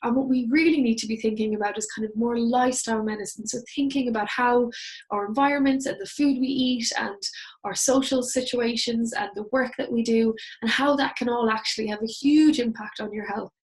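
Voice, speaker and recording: A woman with a west of Ireland accent speaks as a guest presenter. Her voice sits a little high, and she explains things in an informal, conversational way. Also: steady tone, brisk. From Galway, west of Ireland.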